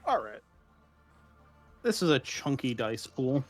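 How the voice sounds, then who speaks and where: A man's voice: mid-range voice, very animated, no room sound, faint music behind. A man playing a tabletop role-playing game in casual chat, laughing often. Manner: laughs often, drawn-out easy delivery. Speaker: player.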